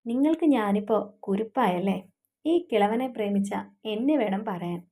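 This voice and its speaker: A woman's voice: mid-range voice, lively intonation, normal speed, dark tone, lightly acted. A woman voicing a teasing, stubborn young woman who scolds her fiancé.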